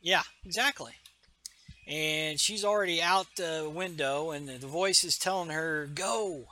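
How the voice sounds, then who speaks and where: A man's voice: a little high, a little slow, pushed and bright. A man co-hosting a casual podcast chat, animatedly retelling a comic book scene and acting out its characters. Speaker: podcast co-host.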